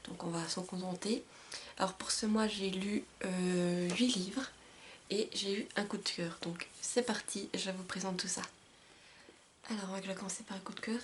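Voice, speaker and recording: A young woman with a gravelly, fry-tinged voice chats through her monthly book review at an ordinary middle pitch. She talks with eager enthusiasm and often pauses to hesitate. The sound is from a camcorder in a shuttered room. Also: a little hiss or hum. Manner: chatty and enthusiastic, with many hesitations. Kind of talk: casual book review vlog. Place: indoor room with blinds closed.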